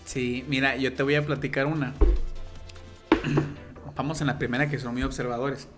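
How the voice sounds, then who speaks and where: A man's voice: medium pitch, flat delivery, moderate pace, over loud music. Patient Mexican man explaining. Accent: Mexican Spanish. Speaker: sign language interpreter guest. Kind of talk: casual interview talk.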